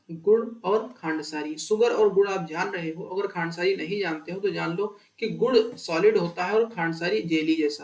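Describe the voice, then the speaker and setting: A man with a high voice walks students through an exam-prep lesson. He asks his own questions and answers them in a chatty, conversational way. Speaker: teacher. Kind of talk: explanatory exam-prep lecture.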